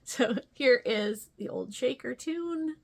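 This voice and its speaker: This woman's voice is slightly high and animated, slow-paced, with noticeable vocal fry. As a craft vlogger displaying her stitching projects, she talks casually and ramblingly, thinking out loud and letting tag questions trail off.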